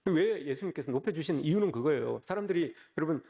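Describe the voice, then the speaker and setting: Male pastor, sermon delivery, quick and lively, slightly high voice, keeps turning to the congregation with questions. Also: gravelly. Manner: often addresses the congregation directly with rhetorical questions. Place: church service.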